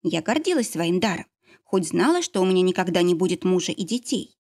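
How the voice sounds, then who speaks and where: A woman narrating a first-person story in an expressive, emotional reading. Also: fairly low pitch, fairly quick. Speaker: audiobook narrator.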